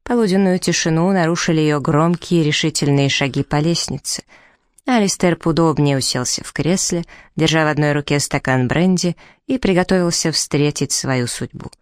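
A woman reading a novel aloud as narrator, in even, measured storytelling. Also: sits low, no echo, clean studio sound. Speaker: audiobook narrator. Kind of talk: scripted narration.

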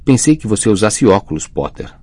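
A man voicing a cruel, gloating male werewolf who speaks in a hushed, rasping menace, in an audiobook reading. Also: on the low side, big pitch swings, fairly quick, no room sound. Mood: menacing.

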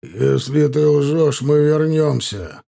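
Man doing a menacing bandit leader, slow hissing threats, dark gravelly voice, audiobook story. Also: on the high side, lively intonation, full character voice.

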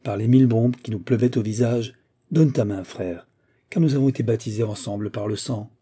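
A man playing a booming, commanding warrior king. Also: fairly even intonation, brisk, dark tone, lightly acted. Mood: hearty. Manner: imperious, booming.

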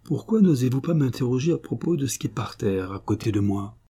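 A towering, hostile brute of a man, as a male reader puts him on, growling low and bursting into bellowed threats. The voice is dark and husky, pushed up high and loud when he rages. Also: expressive, fairly quick. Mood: surly. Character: gruff, surly giant of a man, hostile impresario.

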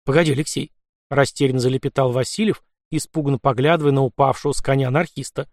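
A man reading an audiobook in steady, scripted storytelling narration. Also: medium pitch, quick pace, no room sound, studio quality.

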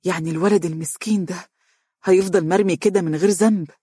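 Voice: mid-range voice, fairly even intonation, very fast, darkish tone, slightly rough, no room sound, clean studio sound, close to an everyday voice. A narrator voicing a sad, worried man in Egyptian Arabic. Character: kind, sorrowful man, worried.

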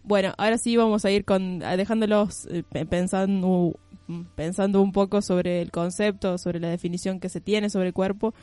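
A radio show host in casual studio banter, speaking in a relaxed, joking way as they hand over to the break. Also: mid-range voice, moderate pace, hardly any pauses, no echo.

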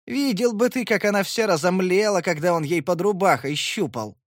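A man's voice: sits high, moderate pace, no echo, studio quality, voice pushed up, natural voice. A man doing a sarcastic, gloating female inner voice. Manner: teasing, sarcastic.

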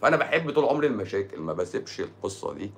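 A man's voice: on the low side, very animated, very fast, creaky, breathy edge. A man with an Egyptian accent, a doctor answering viewer comments on a live stream in a sarcastic, mocking way. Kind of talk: casual live-stream talk.

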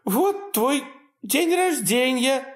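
Male reader as a hysterical mother; very high, shrill, pleading audiobook voice. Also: lively intonation, drawn-out words, full character voice. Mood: panicked. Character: panicked middle-aged mother, shrill and tearful.

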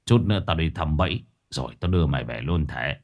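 A gruff village sorcerer speaks low and plainly, as a man puts him on. The voice sits below the narrator's own, calm and steady, in a spoken ghost story. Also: fast talker.

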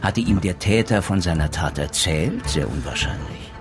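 In a crime radio play, an actor portrays a methodical retired police detective who reasons through rhetorical questions, probing and theatrically sure of himself. The low male voice is animated yet deliberate and self-assured, heard over music.

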